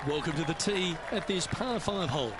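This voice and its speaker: A man playing a composed, encouraging golf commentator in a video game, calling play in measured, clipped phrases. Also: a little high, animated, lightly acted. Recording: outdoor crowd and ambient noise behind.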